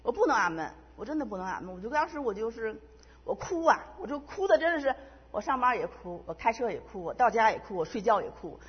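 Husky woman giving a fast faith testimony. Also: fairly high pitch, big pitch swings. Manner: emotional, quick storytelling with repetitions. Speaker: church member giving testimony. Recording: dull lo-fi sound in a reverberant hall.

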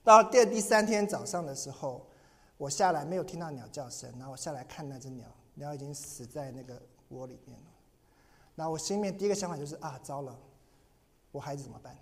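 A man's voice: on the high side, expressive, fast talker, slight background noise. A pastor preaching in earnest, telling a personal story and often repeating and restarting his words. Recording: long hall reverb.

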